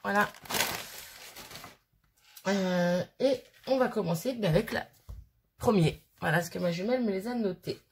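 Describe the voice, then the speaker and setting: A woman's voice: mid-range voice, unhurried, pauses often, a little mellow, breathy edge. A woman in her thirties chatting casually as she unboxes a birthday parcel, rambling and giggly, with a sniffly nose. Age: 30s. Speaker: crafting vlogger.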